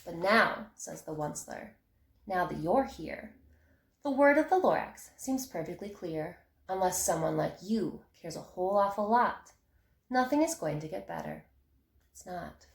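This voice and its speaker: A woman teacher reading a rhyming picture book aloud with an expressive, rhythmic delivery. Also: fairly low pitch, moderate pace, creaky. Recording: echoey room.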